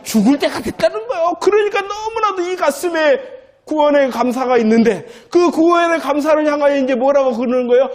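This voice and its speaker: A man preaching as a pastor in a church, talking conversationally, then repeating phrases loudly for emphasis. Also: very high-pitched, brisk. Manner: conversational preaching, swings from soft asides to loud emphatic repetition. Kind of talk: sermon.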